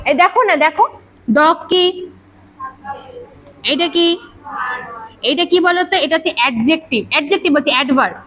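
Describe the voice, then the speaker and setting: Very high-voiced woman teaching class. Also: a bit bright, rough recording. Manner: quizzing students with rhetorical questions, brisk and scolding. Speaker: English grammar teacher. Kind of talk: classroom lecture. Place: classroom with students.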